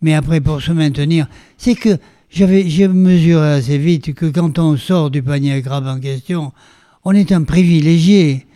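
An older man from France, a veteran stage performer telling his life story in an interview, theatrical and animated with frequent restarts. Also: a little high, moderate pace, no echo.

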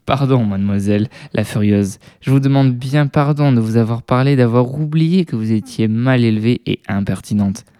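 Casting: a teasing storybook boy, voiced by a woman in a lowered, mellow voice, mock-polite and quarrelsome. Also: normal speed, hardly any pauses, no echo, studio quality. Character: squabbling cheeky little boy cousin.

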